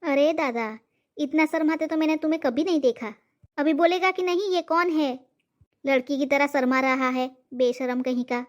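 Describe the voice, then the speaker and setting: A woman voicing a fierce old cartoon mother who scolds without pause, sharp-tongued and loud with insults. The voice sits high for an old woman. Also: steady tone, close to an everyday voice. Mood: angry interrogating. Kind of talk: cartoon comedy voice acting.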